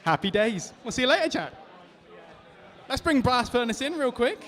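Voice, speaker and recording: A man's voice: extremely high pitch, big pitch swings, normal speed, fairly bright tone, long reverb tail, some chatter behind. A British man interviewing competitors after their fights in an upbeat, exclamatory way. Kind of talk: cheerful post-fight interviews.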